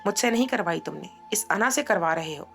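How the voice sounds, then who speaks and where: A woman's voice: fairly low pitch, expressive, a little fast, creaky, a bit bright, faint music behind. A woman voicing a worried young woman who pleads and grumbles under her breath. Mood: sulky. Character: worried, pouting young woman, mutters sulkily.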